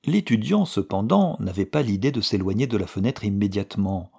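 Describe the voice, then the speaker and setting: A man reading a novel aloud as an audiobook narrator, in measured, even storytelling. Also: lowish voice, gravelly, breathy edge. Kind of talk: scripted narration.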